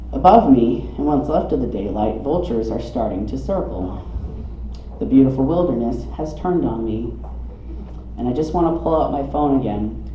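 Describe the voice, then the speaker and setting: At a coffee shop reading event, a mid-range-voiced man from the southeastern United States reads aloud from his own humorous memoir, his delivery dramatic and wryly comic. The live recording sounds muffled and roomy, with some noise.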